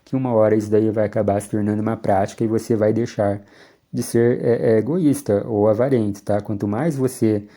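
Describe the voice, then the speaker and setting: A man's voice: on the low side, mellow. A man, a psychologist giving an explanatory lecture and checking in with frequent tag questions.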